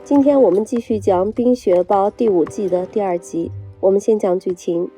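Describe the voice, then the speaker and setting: Mellow-voiced woman narrating a film recap. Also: mid-range voice, soft background music. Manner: brisk storytelling delivery. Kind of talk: scripted narration.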